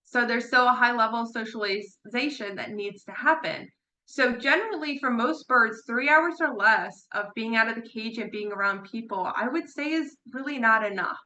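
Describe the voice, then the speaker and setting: Bright-voiced woman lecturing on parrot behavior. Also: on the high side, moderate pace, a little hiss or hum. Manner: chatty, repeats words for emphasis, laughs now and then. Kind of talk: informal online lecture. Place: room at home with her birds. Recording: echoey room.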